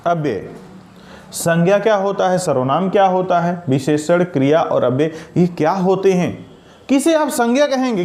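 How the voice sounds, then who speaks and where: A man teaching a recorded grammar lesson. He asks questions, answers them himself, and repeats key sentences slowly. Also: extremely high pitch, echoey room.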